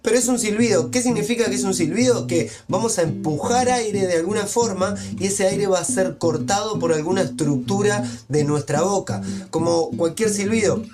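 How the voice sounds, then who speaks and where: A man teaching body percussion, explaining each step clearly in a tutorial. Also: high voice, normal speed, loud music behind the voice. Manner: clear step-by-step explaining, vocalizing rhythm syllables. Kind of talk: instructional tutorial.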